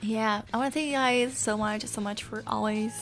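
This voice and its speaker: Candid, gravelly-voiced woman vlogger. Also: on the high side, steady tone, moderate pace, fairly bright tone, faint music behind. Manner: candid, venting, swears freely. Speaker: gaming vlogger. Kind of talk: casual confessional vlog chat.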